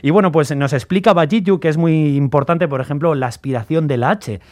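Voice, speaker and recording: A man's voice: on the high side, fairly quick, a little mellow, no echo, clean studio sound. A man explaining language points on a radio chat show in a didactic, example-driven way. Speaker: radio language segment contributor.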